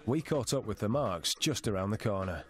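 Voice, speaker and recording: Casting: man for dramatic TV voice-over, lowish register, music underneath. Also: expressive, moderate pace. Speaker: narrator. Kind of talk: scripted TV narration.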